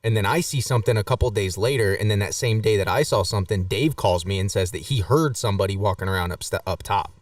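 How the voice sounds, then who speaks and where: A man's voice: on the low side, fast, few pauses, dry recording, studio quality, far from the mic. A man co-hosting a casual live-stream podcast, joking around and relaying chat comments. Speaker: podcast co-host.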